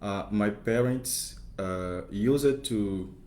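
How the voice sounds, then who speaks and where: A man's voice: on the low side, extremely slow, a little mellow. A man in his twenties with a Brazilian Portuguese accent, a seminarian guest speaking careful, hesitant, polite English. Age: 20s. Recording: echoey parish room.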